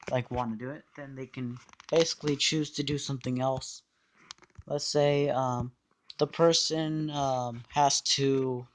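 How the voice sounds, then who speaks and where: Male, unhurried and halting, casual explainer, tends to trail off mid-thought. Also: mid-range voice.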